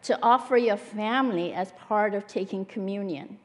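A woman's voice: medium pitch, moderate pace. A woman from Malaysia and Singapore giving a conversational sermon with personal testimony as a guest church speaker, earnest and full of fillers. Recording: long hall reverb.

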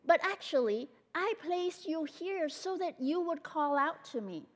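A woman's voice: very high voice, expressive, unhurried. A woman from Malaysia and Singapore giving a conversational sermon with personal testimony as a guest church speaker, earnest and full of fillers. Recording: long hall reverb.

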